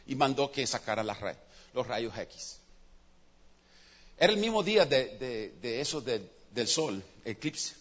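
A man's voice: mid-range voice, expressive, measured pace, a bit bright. A man preaching in a sermon and telling a story, changing his voice for the characters. The sound is dull and lo-fi. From United States.

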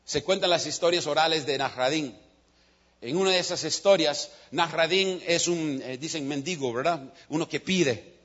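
High, husky man preaching. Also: moderate pace, lo-fi sound. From United States. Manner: animated storyteller, changes voice for characters. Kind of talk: sermon with storytelling.

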